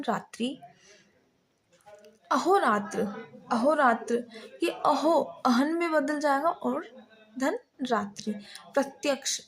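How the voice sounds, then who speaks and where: A woman teaching a Hindi grammar lesson, patiently breaking words into their parts one piece at a time. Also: high-pitched. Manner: slow, patient, spelling out word parts one by one.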